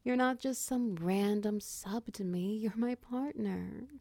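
A woman playing a tender, protective girlfriend in a whispered comfort roleplay, talking softly and reassuringly, close to the mic. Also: medium pitch, no echo. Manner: soft, slow, reassuring, half-whispered. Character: tender protective dominant girlfriend, doting and patient. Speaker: audio roleplay performer.

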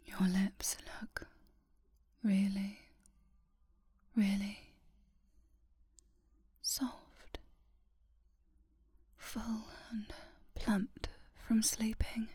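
A woman whispering a soft, affectionate, sleepy ASMR girlfriend roleplay into a close microphone. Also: mid-range voice, flat delivery, slightly rough, dry recording. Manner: slow and soothing, sleepy.

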